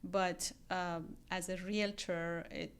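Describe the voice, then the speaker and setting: Slow, smooth-voiced Iranian woman. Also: fairly low pitch, flat delivery. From Iran. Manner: earnest, frequent ums and restarts. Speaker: guest real estate agent. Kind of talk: casual podcast interview.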